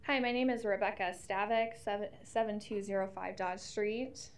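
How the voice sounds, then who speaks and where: A woman in her thirties testifying at a podium microphone in a council chamber, reading a prepared statement in a steady, earnest way. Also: medium pitch, moderate pace. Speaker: nonprofit CEO testifying.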